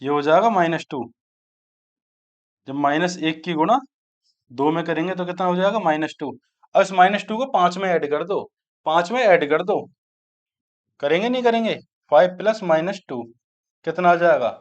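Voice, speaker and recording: Male maths tutor, high voice, quizzes the class and answers himself, muffled lo-fi sound. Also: moderate pace, pauses often. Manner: asks students questions and answers them himself; repeats key steps aloud while writing. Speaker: maths teacher. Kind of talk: exam-prep maths lecture. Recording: dull lo-fi sound.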